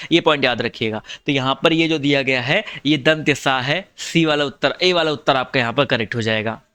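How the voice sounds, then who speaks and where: A man's voice: on the high side, sharp tone, no room sound. A man teaching an exam-prep lesson with an eastern Uttar Pradesh or Bihar Hindi accent, explaining patiently, repeating points and calling his students brother.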